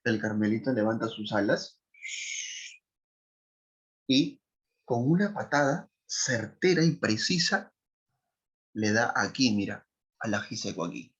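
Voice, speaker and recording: Animated man retelling a story. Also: on the low side, measured pace, pauses often, highs cut off. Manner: animated storytelling, asks students questions, acts out voices. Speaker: literature teacher.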